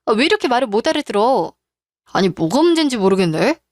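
A woman's voice: a little high, big pitch swings, fast talker, no echo. Woman doing a curt defensive husband, brushes it all off, dry close mic. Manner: curt, dismissive. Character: defensive stubborn husband, adult man.

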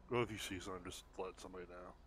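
Guy with a lowish voice, casual cop roleplay chatter, bit of hiss behind him. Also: steady tone, very fast, a bit bright. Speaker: player acting as a patrol officer. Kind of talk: casual in-game roleplay chat.

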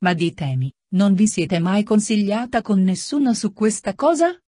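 A woman reading an audiobook, voicing an old, frail and kindly male friar with a grave, gentle manner. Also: mid-range voice, lively intonation, moderate pace, no echo, clean studio sound, lightly acted.

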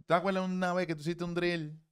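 A man's voice: high-pitched, little pitch movement, fast talker, clear, resonant tone. A man, a baseball hitting coach, giving blunt, profane, emphatic swing-analysis commentary.

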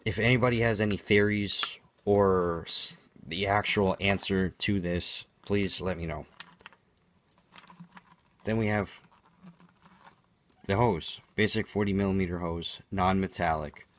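A man's voice: low-pitched, fairly even intonation, a little slow, long pauses. A man giving an unscripted product demonstration in a matter-of-fact, explanatory way, as a reviewer.

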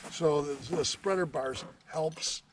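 A man's voice: fairly high pitch, slow pace, far from the mic, crowd noise. An older man giving casual fishing tips from a small boat on a river, folksy and full of "you know" fillers. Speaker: fishing guide. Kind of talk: casual instructional chat. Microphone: action camera on the boat. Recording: outdoor camera mic with noise.

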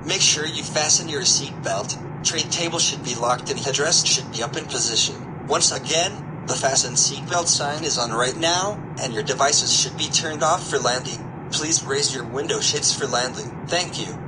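A man's voice: medium pitch, normal speed. A man giving an airport landing announcement to passengers as flight crew. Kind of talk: airline cabin landing announcement. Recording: loud vehicle and ventilation noise.

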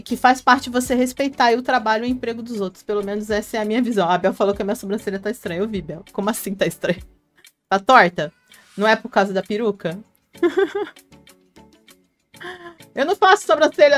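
A woman's voice: a little high, a little fast, long pauses, faint music behind. Chatty Brazilian woman on a live stream. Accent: Brazilian Portuguese. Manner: chatty, laughs often, talks to viewers by name. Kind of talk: casual live-stream chat reading comments. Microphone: headphone mic.

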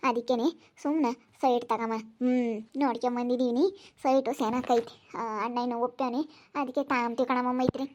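A woman's voice: a little high, little pitch movement, brisk, muffled recording, natural voice. A woman playing a gossiping village mother. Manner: gossiping, lecturing. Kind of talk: village family drama acting.

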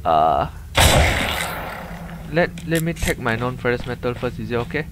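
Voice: medium pitch, very animated, normal speed. A gamer with a Malaysian accent chatting casually with a co-player, in colloquial English sprinkled with lah and Malay words. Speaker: gamer, host of gameplay video. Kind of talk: casual gameplay chat with a co-player. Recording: clear game noise behind. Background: video game ambience and sound effects.

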